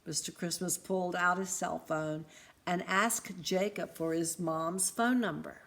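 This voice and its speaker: Lower-voiced woman reading a storybook. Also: unhurried, creaky. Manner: expressive, lively.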